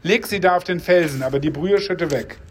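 Man reading a calm, reassuring angel of God. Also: a little high, fairly quick, a little hiss or hum, lightly acted. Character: calm divine male messenger, angel of God.

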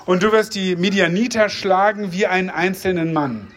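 A man voicing a calm angel of God who speaks slowly and reassuringly in a read-aloud Bible story. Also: high-pitched, natural voice. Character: calm divine male messenger, angel of God.

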